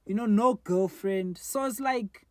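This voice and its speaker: At a measured pace, a South African man in his twenties speaks in a high, darkish voice to his phone's front camera, without echo. He's a vlogger giving a rambling, candid, reflective monologue with many fillers.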